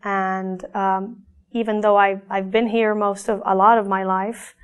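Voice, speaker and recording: A woman's voice: medium pitch, little pitch movement, clean tone. Thoughtful woman artist from Argentina. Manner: thoughtful, halting, with frequent restarts. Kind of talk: speaking about her own artwork.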